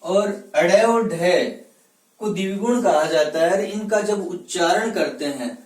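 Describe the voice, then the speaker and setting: A high-voiced man teaching a grammar lesson, asking questions and answering them himself. His voice sounds a bit distant from the mic, in an echoey room. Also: darkish tone. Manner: spells out letters slowly one by one. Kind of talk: classroom lecture.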